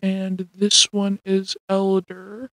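A woman speaking slowly through a voice changer that morphs her into deep male, robot, monster and elder voices. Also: monotone, low-quality recording. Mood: demoing. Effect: voice changer lowering pitch into male, robot, monster and elder voices.

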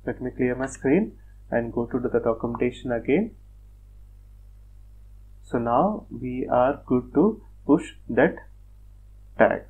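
A man presenting a screen-recorded software tutorial, talking step by step in a plain, methodical way with frequent fillers like "uh" and "like". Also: mid-range voice, slow pace, pauses often, husky, phone-quality sound. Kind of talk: screen-recorded technical walkthrough.

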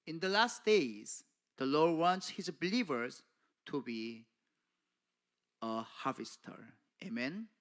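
A middle-aged man preaching at a pulpit in a small church, speaking into a handheld mic, slow and emphatic, calling out "Amen?" to the congregation. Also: mid-range voice, a bit bright. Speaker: pastor delivering an English translation of a sermon. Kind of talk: sermon. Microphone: handheld microphone at a pulpit.

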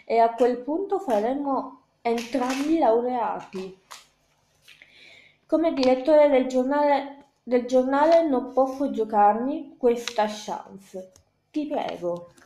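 A woman voicing a sick, hoarse young woman student editor who pleads with a friend, in an echoey room. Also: fairly high pitch, lively intonation, slow, mellow, slight background noise. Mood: pleading. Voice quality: hoarse from a sore throat.

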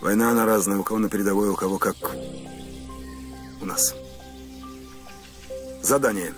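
A man's voice: lowish voice, fairly even intonation, normal speed, close to an everyday voice. An actor in his fifties playing a stern, commanding army captain in a war film. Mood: quiet, grave. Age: 50s. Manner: commanding, clipped orders. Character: stern Soviet army captain drilling women recruits. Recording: film music under the voice.

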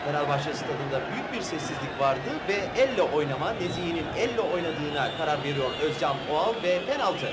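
A man giving excited live football commentary for television, a voice that rises to shouts for goals. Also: fairly high pitch, fairly quick, hardly any pauses. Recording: loud stadium crowd, noisy archive TV broadcast. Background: roaring stadium crowd.

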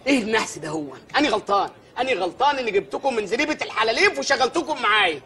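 An actor playing an excitable, boastful village mayor in a comic sketch, sarcastic and frantic. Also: male voice, full character voice. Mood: mocking. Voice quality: high-pitched, rapid-fire.

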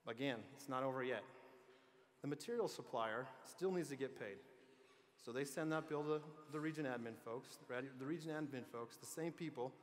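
A man's voice: mid-range voice, normal speed. Man giving a keynote in a reverberant hall. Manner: earnest, plain-spoken, with light joking asides. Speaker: transportation agency leader giving a conference speech. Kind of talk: conference keynote speech. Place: large conference hall. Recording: long reverb of a big hall.

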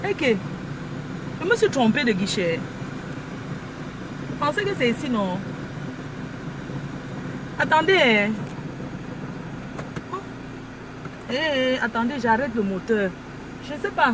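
Filming herself in her car at a drive-through, a woman chats boisterously in a mix of French and pidgin English for a casual vlog. Her fairly high voice has a sing-song lilt, and she speaks unhurriedly with long pauses. The noisy recording carries car and engine sounds throughout.

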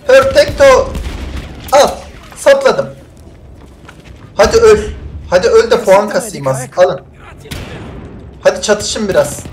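A gameplay streamer commenting live, swinging between shouted bursts and muttered asides, joking around with mock-Italian phrases. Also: medium pitch.

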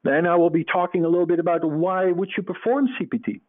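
A man's voice: high-pitched, steady tone, fast. Dutch man lecturing over a tinny line. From Netherlands. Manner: earnest, explanatory, many fillers. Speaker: presenter. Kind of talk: webinar lecture over slides. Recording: tinny phone-like webinar audio.

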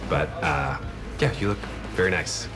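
A man's voice: low voice, very animated, normal speed, vocal fry, over music, heavily acted. An actor in his thirties playing a goofy, boyish police detective in a TV comedy, rambling playfully. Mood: awkward, playful. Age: 30s.

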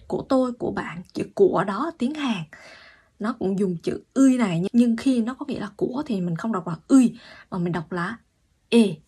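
A woman language teacher giving an online pronunciation lesson, explaining patiently and repeating sounds slowly. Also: mid-range voice, a little mellow, husky.

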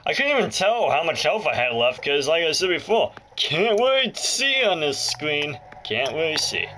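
This gaming video host's fairly high voice swings widely in pitch at a moderate pace, over a rough recording with a little hiss or hum. Loud handheld game music and sound effects play over him as he mutters, exclaims, and jokes his way through a casual let's play.

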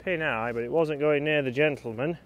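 A man's voice: fairly high pitch, brisk, muffled recording. Yorkshire man calling golf shots outdoors. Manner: teasing, chatty play-by-play. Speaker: golf vlogger and host. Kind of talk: casual on-course commentary.

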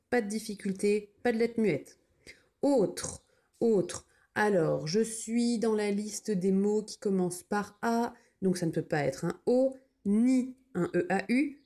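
A woman's voice: medium pitch, warm tone. A woman teaching children to spell, patiently sounding out words and naming their letters one by one.

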